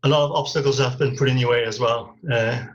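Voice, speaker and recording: A man's voice: medium pitch, fairly even intonation, fast talker. A man hosting an interview, asking questions hesitantly and searching for words, on dull lo-fi audio. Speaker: host.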